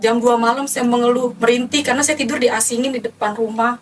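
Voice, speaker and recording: A woman's voice: a little high, fairly even intonation, brisk, recorded from a distance, faint music behind. A woman giving an emotional personal testimony, animatedly retelling her story.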